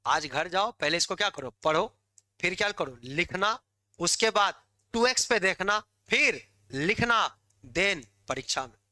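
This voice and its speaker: A male teacher lecturing students in a lively way, coaxing and scolding them with loud bursts. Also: high voice, measured pace, no echo. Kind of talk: classroom lecture.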